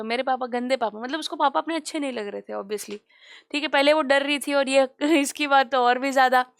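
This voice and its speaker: A teacher explains a story to her class, mixing English lines with a Hindi retelling and asking questions along the way in this Hindi-English literature lesson. Her voice sits high and is a bit bright and smooth, captured in studio quality with no echo.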